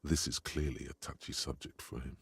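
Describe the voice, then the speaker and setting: Gravelly brooding game narrator. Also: male voice, steady tone. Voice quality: deep, gravelly. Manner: measured, grim narration in second person. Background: game music.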